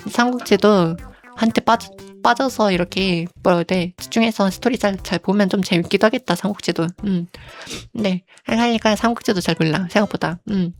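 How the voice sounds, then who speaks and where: A woman streaming as a virtual creator, chatting casually and unhurriedly, filling pauses with soft hums and speaking of herself in the third person. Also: mid-range voice.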